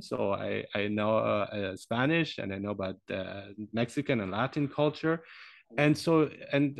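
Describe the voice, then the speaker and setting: A man in his forties with a mid-range voice talks through his thoughts slowly, pausing and restarting often. He was born in Iran and grew up in Germany, and the sound is dry and close. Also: mid-range voice, no room sound. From Iran, raised in Germany. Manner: reflective, hesitant with many fillers and restarts. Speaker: podcast guest, language teacher. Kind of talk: casual interview conversation.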